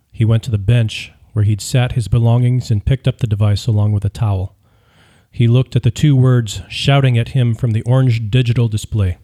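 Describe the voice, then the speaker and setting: Male narrator for a true-crime read, very mellow dark tone, steady delivery. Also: mid-range voice. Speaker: audiobook narrator. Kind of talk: scripted narration.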